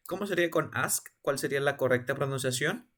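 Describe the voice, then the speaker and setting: A man teaching English pronunciation in an online class, patiently calling on students and repeating each word slowly. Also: mid-range voice, a bit bright. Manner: patient, drills words by repeating them.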